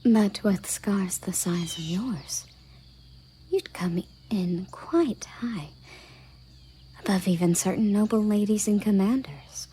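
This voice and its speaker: A woman performs a lightly acted take on a proud elven guard captain for a scripted roleplay audio drama, sounding curious and measured. Her medium-pitched voice is soft and often half-whispered, phrased formally and deliberately, with a little hiss or hum in the recording.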